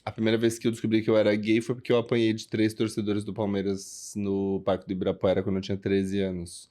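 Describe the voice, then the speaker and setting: A man's voice: fairly low pitch, monotone, fast, warm tone. A man, a flamboyant and candid podcast guest telling his life story. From São Paulo, Brazil. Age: 30s. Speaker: guest, performer. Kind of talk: casual interview.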